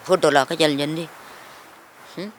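An older woman from a flooded village, answering quietly and plaintively in an outdoor interview. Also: low voice, steady tone, moderate pace, a little hiss or hum.

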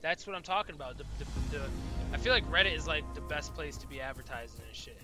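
Music plays under this man's slightly high voice, which has lively intonation and a quick pace. He streams a game and talks loosely to chat, rambling and profane, while sounding tired and yawning.

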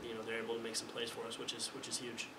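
Mid-range and marked by vocal fry, a young college quarterback's voice comes out rapid, flat, and halting as he answers postgame press questions, constantly restarting phrases and repeating words. He sits at a table mic in an indoor press room, and the sound is roomy, distant, and noisy.

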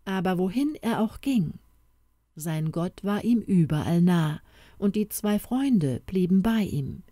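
A woman narrating a storybook audiobook in a soft, expressive, unhurried manner, recorded close to the mic. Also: lowish voice, no echo.

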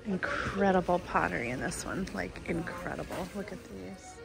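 A woman's voice: fairly low pitch, normal speed, creaky. A woman vlogger with her early-morning voice, chatting enthusiastically as she shops an outdoor flea market and now and then dropping to a whisper. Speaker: vlogger and host. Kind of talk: casual shop-along vlog. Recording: background music under the voice. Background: music.

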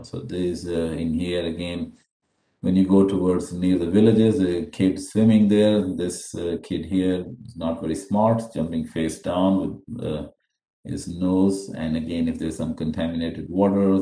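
A man's voice: low-pitched, level tone, unhurried, dark tone, echoey room. A middle-aged man from Pakistan giving an unscripted webinar lecture over a video call, with many fillers and restarts. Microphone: webcam video call.

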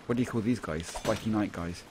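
The man here hosts a gaming channel and banters casually with a friend during co-op gameplay, playful and prone to lively, jokey exclamations. His pitch is fairly low, his pace fairly quick, and a little hiss or hum is audible.

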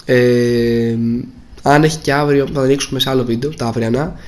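A young man casually commenting on a video game, grumbling and disappointed, his voice a little hoarse. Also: medium pitch, fairly even intonation, darkish tone. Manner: grumbling, disappointed, repeats himself. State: slightly hoarse. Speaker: gaming video creator.

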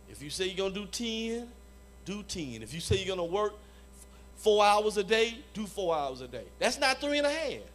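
A man preaches at a church training conference in a notably high voice. He speaks emphatically, repeats his points and keeps asking the crowd for an amen. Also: a bit bright, a little hiss or hum. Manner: emphatic, repeats phrases, calls for "Amen?" from the audience. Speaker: conference evangelism leader. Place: church hall before a live audience.

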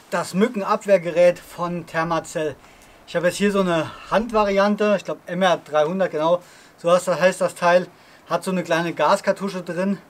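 A man in his thirties hikes through a rocky forest, casually reviewing outdoor gear with plenty of enthusiasm. His voice is high, and a slight hiss or hum sits under the recording. He's chatty and keeps filling gaps with fillers.

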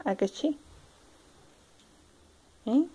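A woman's voice: high voice, animated, extremely slow, dark tone, slightly rough. A mother from Spain talking baby talk to her infants in a home video, cooing and repeating little sing-song words, now and then bursting into playful squeals. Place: family home.

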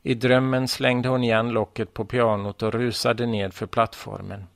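Calm male narrator for a children's story, gravelly, dry. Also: mid-range voice, no room sound. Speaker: story reader.

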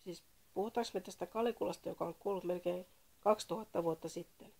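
A woman's voice: fairly low pitch, creaky, a little mellow. A woman voicing an irritated middle-aged man who poses as a radio psychiatrist in a read-aloud story, blunt and exasperated. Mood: annoyed.

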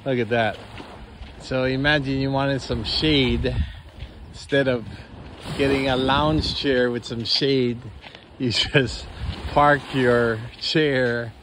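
A man's voice: mid-range voice, fairly even intonation, slow pace. A man narrating a walking tour of a beach for his travel vlog, easygoing and chuckling, marveling at the view. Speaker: travel vlogger. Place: outdoors on a tropical beach. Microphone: phone camera held while walking. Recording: outdoor wind and water noise.

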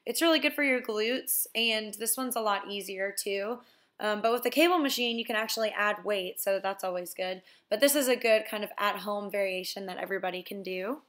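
A young woman, a fitness vlogger, casually talking viewers through glute exercises in a relaxed, chatty way. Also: mid-range voice, brisk. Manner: relaxed, chatty instruction with "basically" and "so". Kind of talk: casual workout walkthrough voice-over.

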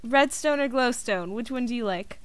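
A woman's voice: on the high side, normal speed, no echo. A young woman streaming a game, chatting casually, giggling and reading chat aloud.

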